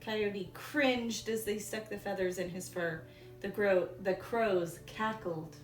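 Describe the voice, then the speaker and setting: Slow-paced woman teacher reading aloud, echoey room. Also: medium pitch, faint music behind. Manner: simple, deliberate phrasing for children. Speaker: elementary school teacher. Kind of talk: storybook read-aloud for young children. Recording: echoey room, distant mic, faint noise.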